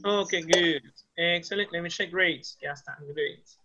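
A man's voice: on the high side, measured pace, background noise. A man with a Peruvian Spanish accent teaching English to young pupils, cheerfully switching between Spanish and English and repeating words. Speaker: primary school English teacher. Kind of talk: bilingual classroom lesson. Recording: lo-fi, muffled audio.

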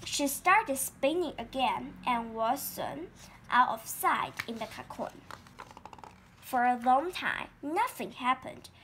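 A woman reading a children's story aloud, repeating key words slowly for learners. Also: high voice, a bit bright, slightly rough.

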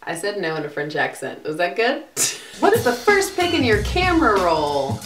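A woman's voice: medium pitch, huge pitch swings, normal speed, far from the mic, music in the background. Female vlogger, blunt and sassy, with a voice that swings up and down a lot. She sits back from the mic in an echoey room. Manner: sarcastic and blunt, swears freely. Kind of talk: casual Q&A vlog.

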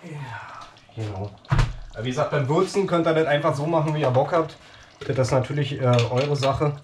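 A man in his thirties hosts a casual home cooking video, chatting away with lots of fillers while he works in a small kitchen. His voice is a little high at a moderate pace, captured by a camera mic across the room with heavy background noise.

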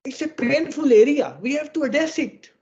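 Man, Indian English accent, high voice, earnest webinar presenter, screen-recorded video call, dull lo-fi sound. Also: moderate pace, darkish tone. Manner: earnest and exhorting, fond of idioms. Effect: screen-recorded video call audio. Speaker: webinar presenter on electrical safety.

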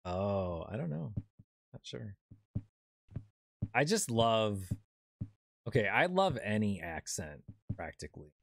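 Casting: young adult game streamer, rambling chat, lively pitch, dry close sound. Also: takes it slowly, creaky, long pauses, dry recording. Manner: rambling, many fillers and restarts. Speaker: streamer playing a horror game. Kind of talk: casual chat while gaming.

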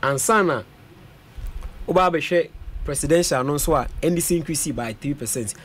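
His voice sits on the higher side and has a husky quality, moving at a moderate clip. He's a young man from Ghana running for parliament, interviewed in a radio studio, blending Twi with English while listing vote numbers at a boom-mounted studio microphone.

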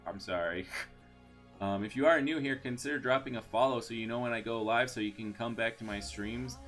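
A man's voice: mid-range voice, brisk, a bit bright, faint music behind. A man streaming live, chatting casually and thanking viewers, rambling with many fillers and restarts.

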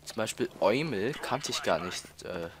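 A man's voice: fairly low pitch, lively intonation, moderate pace. A teenage boy from Austria, chatting while playing a game, stalling and repeating words with many fillers. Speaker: let's player. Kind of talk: casual gameplay commentary.

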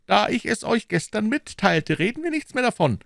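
A man reading aloud and voicing a sly, witty young male musketeer, patient and soft-spoken. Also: high voice, big pitch swings, normal speed, creaky, no room sound, studio quality, voice pushed up, heavily acted.

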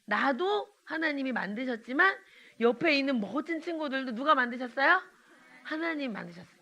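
Woman evangelist, children's sermon, high and very bright, sing-song questions to kids. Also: animated. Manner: slow line-by-line prayer for children to repeat. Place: church.

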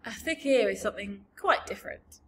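A woman voicing a huge, very old, gentle male giant from a storybook, with mangled grammar and invented words. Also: medium pitch, lively intonation, brisk, slight background noise, natural voice. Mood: wistful, explaining. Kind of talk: storybook character voice.

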